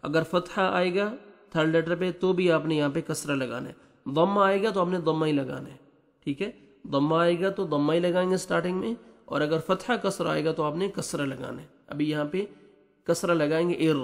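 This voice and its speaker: A high-voiced man teaches Quran recitation, moving between quick explanations and slow chanted verses. A long reverb trails each phrase, so the voice sounds like it is ringing through a big room. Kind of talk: recitation lesson, spelling out letters and vowel marks.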